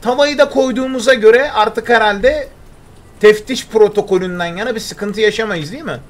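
Here the young streamer speaks at a moderate pace in a high-pitched voice. He gives chatty live commentary on a survival game, muttering to himself and reading chat messages aloud while thanking viewers.

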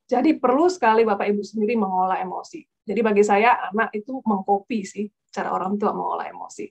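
A woman's voice: medium pitch, quick pace, gravelly, a little mellow, slightly rough. A woman giving direct, casual advice to parents over a video call, addressing the audience as Bapak Ibu. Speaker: evangelist speaker. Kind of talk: webinar talk to parents.

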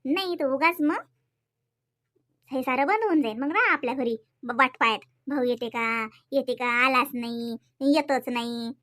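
High folksy Varhadi woman narrator. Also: measured pace, fairly bright tone. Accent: Varhadi Marathi. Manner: chatty, lecturing, folksy advice. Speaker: cartoon narrator and main character. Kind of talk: scripted comic cartoon voice-over.

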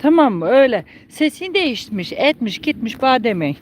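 A woman's voice: a little high, big pitch swings, a little fast, slight background noise. A woman with a Bartın Ulus regional accent, chatting homely and casually with her livestream viewers outdoors at a village farmhouse. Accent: Bartın Ulus regional Turkish. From Bartın, Turkey. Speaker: live streamer.

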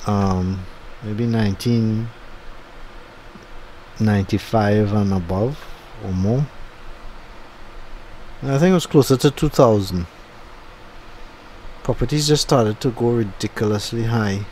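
Slow and pausing often, a middle-aged man with a lowish, slightly mellow voice narrates his driving footage at home afterward, rambling and using fillers as he thinks aloud. He hosts a YouTube channel, and the rough recording has a little hiss or hum.

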